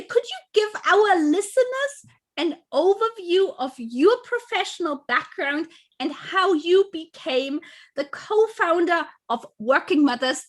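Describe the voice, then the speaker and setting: A woman's voice: extremely high pitch, a bit bright. A woman hosting a podcast, reading a formal introduction and then asking her guest polite questions. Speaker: podcast host. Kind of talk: scripted podcast introduction and interview.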